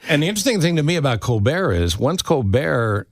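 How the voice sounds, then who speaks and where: A man's voice: a little high, sing-song, slight background noise. A man hosting a talk radio show, chatting eagerly with his guest and chiming in often. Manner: enthusiastic, quick backchannels. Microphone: studio microphone.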